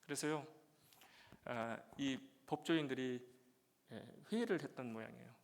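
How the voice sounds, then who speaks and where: A male pastor giving a sermon with a personal testimony, telling his story with many "예" fillers and breaking into loud, emotional prayer. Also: medium pitch, moderate pace, gravelly. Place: church sanctuary. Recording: long church reverb.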